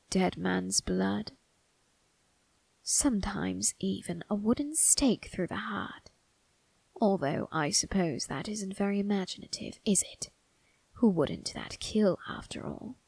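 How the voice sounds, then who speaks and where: A woman voicing a sinister, amused, ageless male grim reaper turned undertaker in an ASMR roleplay, breathy and gravelly, often dropping into a whisper, with a theatrical, teasing delivery. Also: medium pitch, a little mellow, dry recording, exaggerated voice. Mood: amused, menacing. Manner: slow, theatrical, teasing, morbidly musing. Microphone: close microphone, dry.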